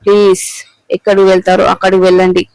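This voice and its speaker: A woman's voice: mid-range voice, monotone, fast, darkish tone, smooth, no room sound, close to an everyday voice, poor audio. Man reading as a bitter, accusing wife. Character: angry betrayed middle-aged wife.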